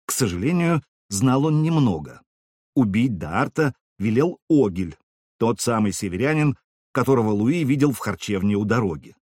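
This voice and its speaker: A man reading a novel aloud as a narrator with expressive, lively storytelling. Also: medium pitch, normal speed, no echo, clean studio sound. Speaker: audiobook narrator. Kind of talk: scripted narration.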